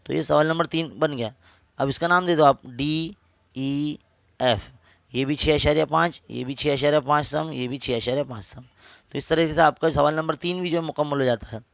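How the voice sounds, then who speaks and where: A man's voice: fairly high pitch, quick pace, creaky, no room sound. A man with an Urdu accent, a maths teacher patiently explaining geometry step by step to students, repeating each point.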